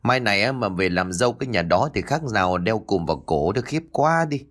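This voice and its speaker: A man's voice: lowish voice, expressive, fairly quick, a bit bright. A man voicing an older village wife who gossips with sighing pity.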